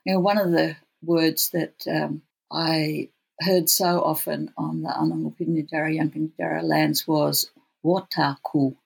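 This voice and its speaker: An Australian speaker with a gravelly, husky voice who says w for r, talking reflectively as an interview guest. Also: medium pitch, flat delivery, normal speed, low-quality recording. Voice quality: cannot pronounce R's well, says w for r. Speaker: podcast guest, futurist researcher.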